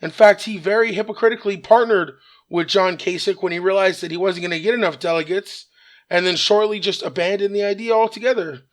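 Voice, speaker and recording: On his own news commentary show, a man with a high, raspy voice talks in an earnest, measured way while frequently filling gaps with "uh."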